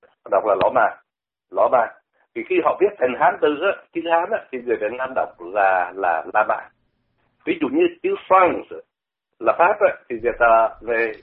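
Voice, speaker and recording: An older man from Vietnam, talking on the radio and explaining pronunciation in a conversational way, often repeating words to demonstrate them. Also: mid-range voice. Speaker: radio commentator. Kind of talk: radio talk, explaining language. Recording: phone-like radio line.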